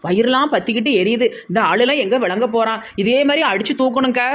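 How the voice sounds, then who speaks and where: A woman's voice: on the high side, fast talker. A woman with a Tirunelveli Tamil accent in a village comedy sketch, talking insistently and gossiping.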